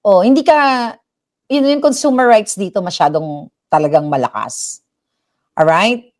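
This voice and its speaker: A woman's voice: on the low side, lively intonation, a little slow, darkish tone. A middle-aged woman from the Philippines, living in the United States, hosts a casual livestream and chats animatedly in Tagalog mixed with English, acting out the voices she quotes. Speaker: livestream commentary host. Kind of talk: casual chatty storytelling.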